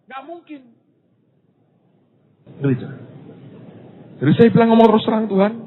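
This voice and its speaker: A male pastor from Indonesia preaching a sermon, telling stories with loud bursts and hushed asides. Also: high voice, slightly rough. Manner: animated storytelling, swinging between loud bursts and hushed asides. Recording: lo-fi phone-like recording with faint hiss.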